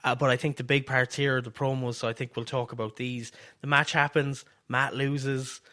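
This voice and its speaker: A man's voice: medium pitch, little pitch movement, normal speed, pushed and bright. A man co-hosting a casual podcast, rambling through wrestling ideas and acting out the wrestlers' lines. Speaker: podcast co-host. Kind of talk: casual wrestling fantasy booking chat.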